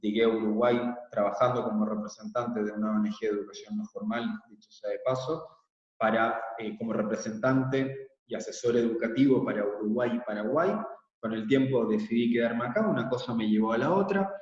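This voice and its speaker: A man from Israel, a workshop facilitator, presenting calmly online and explaining with frequent hesitant fillers. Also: on the low side, brisk. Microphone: laptop mic on a video call. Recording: echoey, distant, dull video call audio.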